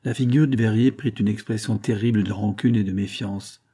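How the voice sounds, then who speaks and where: Guy reading a classic novel aloud, low warm dark voice, steady pace. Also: a little fast, slightly rough. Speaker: audiobook reader. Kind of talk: literary audiobook narration.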